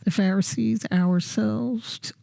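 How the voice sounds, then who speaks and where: A woman reads scripture and comments in a Bible discussion. Her delivery is slow and deliberate, with a dark, relaxed tone in a very dry recording. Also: mid-range voice, creaky, dry recording. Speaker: discussion participant and scripture reader. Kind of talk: reading scripture aloud and brief discussion remarks.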